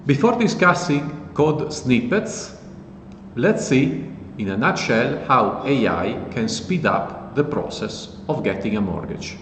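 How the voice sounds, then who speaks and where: A man hosting a casual tech tutorial, walking through code in a relaxed, plain explanatory way. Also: medium pitch, slow, faint music behind. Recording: echoey with long reverb and faint noise.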